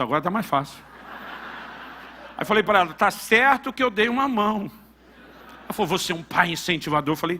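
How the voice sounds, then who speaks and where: Emphatic Brazilian pastor preaching. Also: male voice, high voice, sharp tone, a little hiss or hum. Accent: Brazilian Portuguese. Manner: storytelling, quotes family dialogue, emphatic. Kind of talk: sermon.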